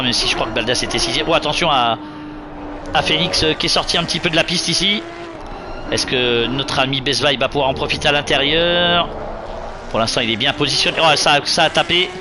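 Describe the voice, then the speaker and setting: A man working as a motorsport commentator, calling a live race play-by-play with urgent warnings and recaps of the standings. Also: a little high. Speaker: motorsport commentator for an online sim racing league. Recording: clear car and engine noise. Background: racing car sounds.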